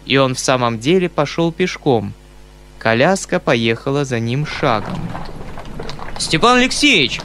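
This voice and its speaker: A man narrating a classic novel in a measured, expressive storytelling voice. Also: mid-range voice, slight background noise. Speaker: audiobook reader.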